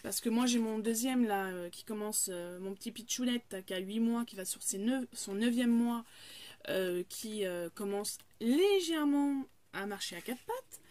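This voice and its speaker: A woman's voice: fairly high pitch, expressive, measured pace, darkish tone. A woman in her thirties chatting casually through a haul video, with many fillers and restarts. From France. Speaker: haul vlogger.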